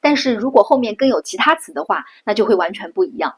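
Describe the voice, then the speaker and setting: A middle-aged woman from China giving a patient pronunciation lesson, slowing down and repeating sounds to show them. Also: medium pitch, sing-song, breathy edge. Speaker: Japanese language teacher.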